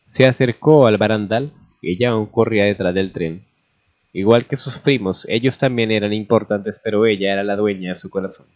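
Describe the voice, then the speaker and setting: Low-voiced man reading a story. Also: normal speed, a little mellow. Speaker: narrator. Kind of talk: reading a fan story aloud. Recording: dull lo-fi recording.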